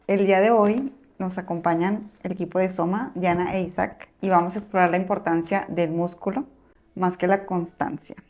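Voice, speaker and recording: A woman's voice: lowish voice, fairly even intonation, moderate pace, darkish tone. A woman hosting a podcast, chatting and telling a story in a conversational way. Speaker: podcast host.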